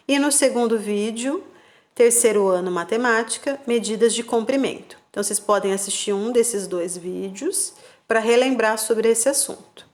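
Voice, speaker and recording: A woman teacher, giving patient, slow remote-class instructions to young children and spelling out syllables. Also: medium pitch. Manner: checks in with "tá bom?" and "combinado?". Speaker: primary school teacher.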